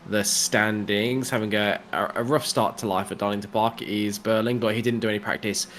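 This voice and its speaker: A man calls a sim race in a chatty, analytical way, breaking into light jokes. His voice sits a little low. A faint hum runs under the recording. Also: steady tone, brisk, fairly bright tone. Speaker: race commentator. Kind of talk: sim racing commentary.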